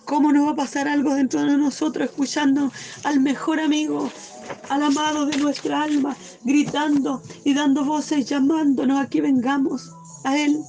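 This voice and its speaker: A woman preaches through a Bible passage in a high voice with a gravelly, fried edge. She reads verses and explains them fervently, stopping to ask her listeners to agree and to praise God. Soft music plays faintly beneath her. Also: flat delivery, moderate pace. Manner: fervent, often asks "cierto?" and breaks into praise. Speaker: Bible study teacher. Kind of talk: Bible study sermon, reading and explaining scripture.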